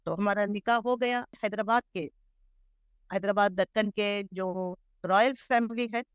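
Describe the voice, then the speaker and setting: Woman, middle-aged, from Hyderabad, India, reflective interview guest, measured and earnest, crisp tone, dry room. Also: mid-range voice, dry recording. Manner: measured, earnest storytelling with English words mixed in. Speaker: interview guest, Islamic scholar. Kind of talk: reflective life-story interview.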